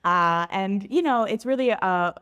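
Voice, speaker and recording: A woman in her thirties, a travel blogger raised in Philadelphia and born in Puerto Rico, telling her story in a clear, articulate podcast interview. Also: medium pitch, a little slow, a bit bright, in a large hall.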